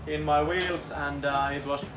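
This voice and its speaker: A man's voice: on the high side, steady tone, measured pace, over music. A man speaking simple English, giving an informal update as a racing driver. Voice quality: non-native English with simple phrasing. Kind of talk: informal race weekend update to camera. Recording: noisy outdoor racetrack paddock.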